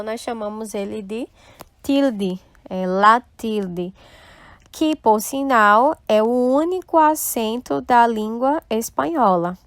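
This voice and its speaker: A woman teacher walks a class through a lesson at an unhurried pace. She explains each point patiently and keeps checking that her students follow. Her voice sounds dry and close, with no echo. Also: on the high side. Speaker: Spanish teacher. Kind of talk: recorded online class.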